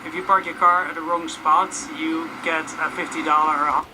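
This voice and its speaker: A man's voice: on the high side, level tone, a little fast. A man in his thirties from the Netherlands, talking to his camera in a city park as a vlogger. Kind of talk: vlog talk to camera. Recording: outdoor noise behind voice.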